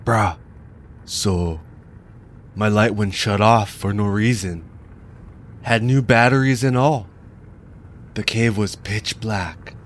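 A man voicing an excitable young local man with a Hawaiian Pidgin accent in an audio story, with slangy, pidgin-tinged delivery. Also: lowish voice, takes it slowly, long pauses, a little hiss or hum. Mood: spooked.

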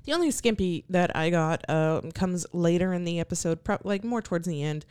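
Smooth-voiced woman co-host, dry sound. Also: fairly low pitch, brisk, no echo. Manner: relaxed and wry, short agreeing replies. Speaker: podcast co-host. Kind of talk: casual chat reviewing a TV episode.

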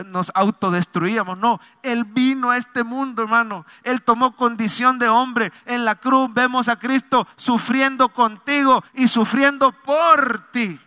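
A man's voice: high-pitched, sharp tone, long reverb tail. A male preacher delivering a fervent sermon, building to emphatic peaks and calling his listeners brother.

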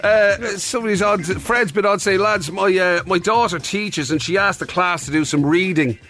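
An Irish man chats casually as a breakfast radio host. His voice sits high for a man, close on a studio mic, with faint music behind it. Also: moderate pace, fairly bright tone. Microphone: studio microphone.

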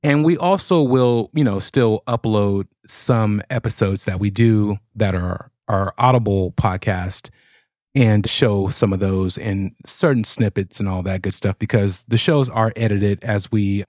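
A man's voice: lowish voice, a little slow, darkish tone, no echo, clean studio sound. A man hosting a podcast in a casual, chatty style. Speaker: podcast host. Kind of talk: casual chat.

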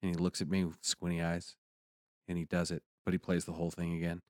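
A man co-hosting a casual conversation, telling a personal story animatedly, with excited peaks. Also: low-pitched, fast, dry recording, clean studio sound.

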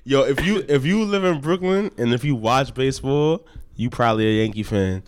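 A man from New York, a podcast host, chatting casually about sports in quick, slangy talk. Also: mid-range voice. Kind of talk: casual chat.

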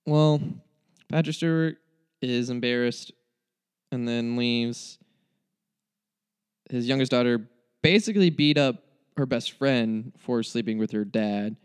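A man's voice: medium pitch, slow, long pauses, clear, resonant tone. Rambling, mock-dramatic young man reviewing a film. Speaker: movie reviewer. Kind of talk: casual spoken movie review.

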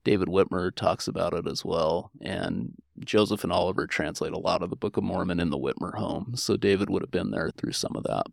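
In clean studio sound with no echo, an American historian speaks in an interview, mixing conversational explanation with personal anecdotes. His low, creaky voice moves fairly quickly with few pauses, and his tone is earnest and informal.

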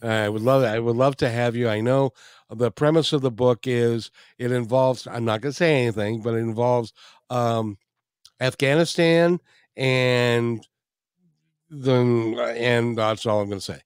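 A talk show host chats in a friendly way with a guest, repeating words casually, before closing out the episode. His mid-range voice is clear and resonant, with fairly even intonation and a measured pace, in a clean studio with no room sound.

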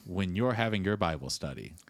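A man's voice: low voice, expressive, brisk. A man co-hosting a podcast in casual chat, wry and joking, laying out the topic plainly. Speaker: podcast co-host.

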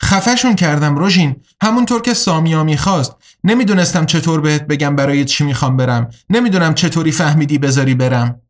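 A man voicing a sharp, determined young woman in an audiobook, speaking in an earnest, urgent way. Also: low-pitched, hardly any pauses, lightly acted.

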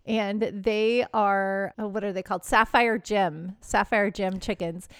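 A woman's voice: medium pitch, fairly even intonation, unhurried, fairly bright tone, smooth, no echo, clean studio sound. A woman co-hosting a casual podcast, giddy and laughing often as she chats. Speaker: podcast co-host. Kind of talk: casual chat.

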